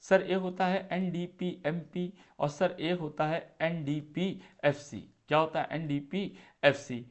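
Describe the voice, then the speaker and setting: Brief: young male tutor, voice a touch high, drilling terms with rhetorical questions, mixes English into his talk. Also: steady tone, unhurried, hardly any pauses. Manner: asks students questions and answers them himself; repeats key terms, mixes English phrases. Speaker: teacher. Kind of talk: exam-prep lecture.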